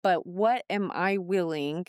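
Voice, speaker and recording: Woman, middle-aged, podcast co-host, casual faith chat, smooth voice, dry sound, laughs often. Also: lowish voice, takes it slowly, no echo. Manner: animated, laughing, playful asides.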